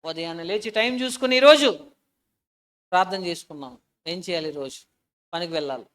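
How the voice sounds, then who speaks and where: A woman preaching a sermon with personal stories, earnest and emotional, often asking her listeners questions and swinging from soft to loud. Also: on the low side, a little fast.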